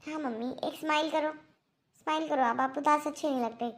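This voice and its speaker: A woman's voice: sits high, steady tone, a little fast. A woman voicing a young married daughter in a cartoon who earnestly lectures her mother. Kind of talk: Hindi cartoon dubbing.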